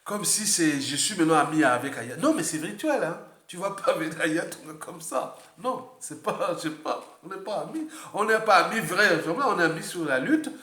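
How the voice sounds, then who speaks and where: Animated Congolese man in an echoey room. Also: normal speed, hardly any pauses. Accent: Congolese French. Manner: animated, repetitive, jumps to high exclamations. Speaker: political commentator. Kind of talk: unscripted political monologue.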